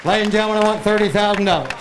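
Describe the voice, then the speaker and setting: A man auctioneering with a rapid, rhythmic chant of bids, calling loudly into a microphone. His voice sits high, and it booms around a big echoey arena. A crowd murmurs behind him. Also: noisy background. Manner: rhythmic rolling bid calls, loud. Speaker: livestock auctioneer. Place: large indoor livestock show arena.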